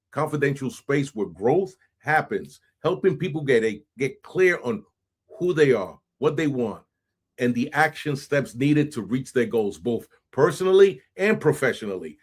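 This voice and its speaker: A man hosting a podcast, energetic and hype, sprinkling in Spanish phrases and frequent "right?". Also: medium pitch. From New York City. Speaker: podcast host. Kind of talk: animated podcast intro and interview.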